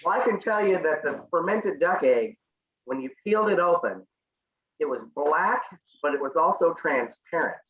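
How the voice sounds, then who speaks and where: A co-host introduces each food in a relaxed, easygoing way during casual chat. The pitch moves in a lively way. The sound is dull and lo-fi. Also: moderate pace, echoey room.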